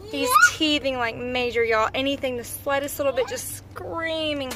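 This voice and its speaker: A woman in her thirties chatting casually for a vlog in an informal, expressive way, held at arm's length from the mic. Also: high-pitched, normal speed. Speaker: family vlogger. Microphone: phone or camera at arm's length. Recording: clear background noise.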